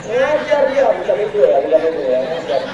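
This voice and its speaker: A man giving a lively, humorous sermon at a school religious gathering, telling stories and speaking straight to his listeners. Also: sits high, a little fast, crowd noise. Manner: jokey, storytelling, addresses the audience directly. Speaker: Islamic preacher. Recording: echoey room, distant mic, dull lo-fi.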